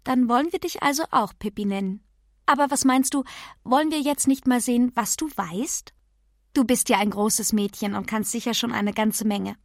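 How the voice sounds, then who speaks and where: A woman voicing a patient, strict schoolteacher who speaks slowly and clearly. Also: fairly high pitch, dry recording, clean studio sound, natural voice. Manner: slow, measured and instructive.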